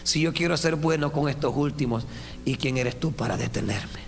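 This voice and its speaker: A man voicing a stern male landowner who gives a calm, firm rebuke. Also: on the high side, normal speed, close to an everyday voice. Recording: church hall reverb with faint hum.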